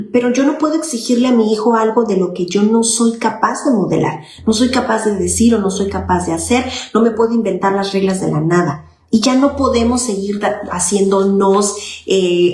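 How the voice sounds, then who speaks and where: A woman's voice: medium pitch, a little mellow. A woman child psychologist, explaining parenting in an informal talk and often checking in with "okay?". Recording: echoey room with faint noise.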